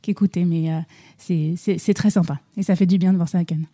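Woman chatting about a film she saw, piercing bright tone, umms everywhere. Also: lowish voice, steady tone, a little fast. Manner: chatty, many fillers and hesitations. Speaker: film critic on a festival podcast. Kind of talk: casual review chat.

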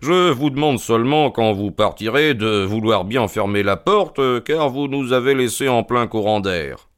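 A man playing a calm, ironic detective who reasons and mocks with composure, in an audio drama reading. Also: normal speed, lightly acted. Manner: composed and mocking, lively rises in pitch. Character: calm, ironic male detective, sure of himself.

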